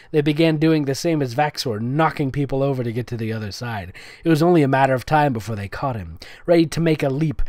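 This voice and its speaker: This host, a man of medium, slightly mellow pitch, gives a comedic dramatic reading of fan fiction, breaking in with sarcastic nitpicks and dissolving into giggles. There's no room sound at all.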